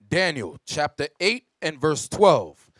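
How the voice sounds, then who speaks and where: Male scripture reader, steady recitation, high and animated pitch, dry room. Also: slow, no room sound. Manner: steady recitation of verses on cue. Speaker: scripture reader in a Bible class. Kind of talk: reading scripture aloud.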